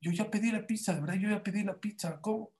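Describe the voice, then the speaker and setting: A man voicing a playful male schoolteacher who fakes a phone call and keeps insisting, in a lively, mock-innocent way. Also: sits high, fast talker, voice pushed up, lightly acted.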